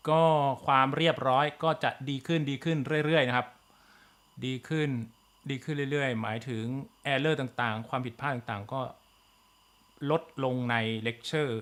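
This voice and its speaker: A man's voice: mid-range voice, fairly even intonation, measured pace, fairly bright tone, smooth. A man with a Thai accent teaching an online physics class, full of fillers and polite particles. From Thailand. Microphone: computer mic in video class.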